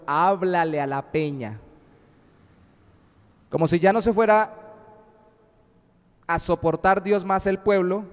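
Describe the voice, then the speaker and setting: Male pastor, slightly high voice, deliberate sermon delivery with scripture readings, echoing church. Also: darkish tone, clean tone. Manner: reads scripture aloud and explains it, deliberate. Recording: live stream in a reverberant church.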